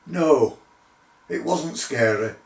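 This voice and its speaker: A middle-aged man telling his own paranormal investigation story in a measured, deliberate way, with pauses. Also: on the high side, animated, creaky. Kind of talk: unscripted spoken storytelling. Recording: roomy echo, distant microphone.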